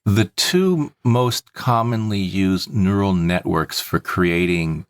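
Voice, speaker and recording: A podcast host with a low, clear, resonant voice talks slowly, explaining things casually and methodically. The recording is dry, with very little room sound.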